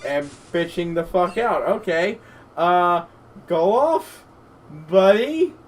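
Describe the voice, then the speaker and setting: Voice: medium pitch, lively intonation, slow, far from the mic. A streamer giving casual let's play commentary, swearing and reacting aloud to the game. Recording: voice set back from mic, game music behind.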